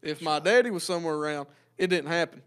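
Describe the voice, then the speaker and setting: A man's voice: a little high, fast talker, fairly bright tone, clear, resonant tone. A man co-hosting a casual church podcast, plain-spoken and repeating words as he starts his sentences, speaking into a desk mic. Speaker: podcast co-host. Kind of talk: casual chat. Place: small room in a church, at a table. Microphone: desk mic on a stand.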